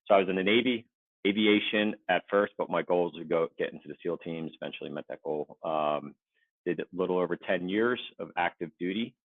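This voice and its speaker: A man in his forties from the Philadelphia suburbs, chatting casually as an interview guest in a relaxed, rambling, self-deprecating way over a remote call. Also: sits low, creaky, no echo. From Philadelphia suburbs, USA. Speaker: guest, Navy veteran. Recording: tinny phone-like dry line.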